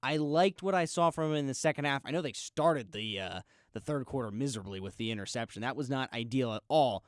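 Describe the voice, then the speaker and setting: A man hosting a casual sports radio show from a studio, telling listeners to calm down in an easygoing way. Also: medium pitch, brisk, hardly any pauses, dry recording. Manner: laid-back, urging everyone to calm down. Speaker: radio sports talk host. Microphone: studio microphone.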